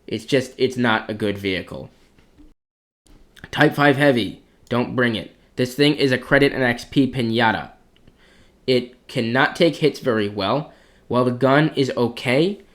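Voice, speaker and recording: This man's medium-pitched voice keeps a moderate pace while he, as clan commander, sorts tanks for competitive play. The casual commentary is frank and opinionated, voiced as he reasons things through aloud.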